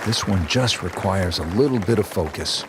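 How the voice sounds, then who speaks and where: A man's voice: deep voice, lively intonation, moderate pace, noisy background. A man working as a golf commentator, calling play in short descriptive phrases and putting questions to his partner. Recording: loud music and crowd behind.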